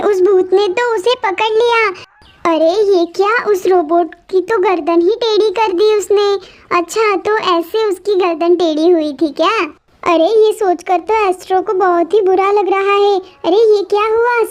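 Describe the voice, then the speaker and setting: A narrator giving an excited play-by-play of a cartoon, exclaiming in surprise and talking to the characters on screen. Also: very high-pitched.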